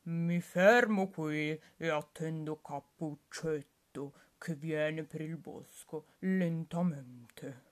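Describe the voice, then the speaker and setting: A greedy, sly male wolf from a rhymed storybook drawls his words out slowly, as a woman reader puts him on. The voice sits low and unhurried, with a gruff, scheming edge. It is pitched low and delivered at a crawl. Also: steady tone. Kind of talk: storybook reading.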